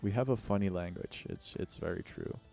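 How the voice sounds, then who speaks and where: Music plays under a brisk American game streamer whose voice sits low, gravelly yet warm. Chatting casually during gameplay, he cracks slang jokes and complains in mock exaggeration.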